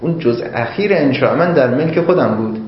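A man's voice: medium pitch, expressive. A man lectures a class, and his voice rises and falls a lot as he reasons aloud through examples. The room is echoey and the recording is dull and lo-fi, with a faint hiss behind him. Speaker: seminary teacher.

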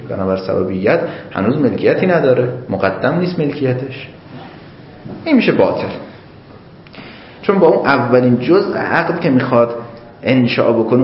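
Male seminary teacher, lively intonation, reasons step by step with examples; echoey lo-fi classroom recording. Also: medium pitch. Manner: animated, reasoning aloud with examples. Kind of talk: jurisprudence class lecture. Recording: echoey classroom, lo-fi, faint noise.

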